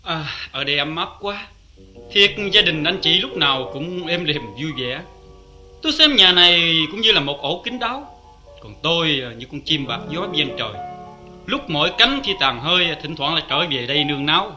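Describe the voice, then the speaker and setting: A weary, guarded drifter who speaks in a soft, reflective, poetic way, with a Southern Vietnamese accent. His voice is very bright and a little higher than most men's. Faint music plays behind him in this old radio play. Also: animated, moderate pace. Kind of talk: vintage radio drama acting.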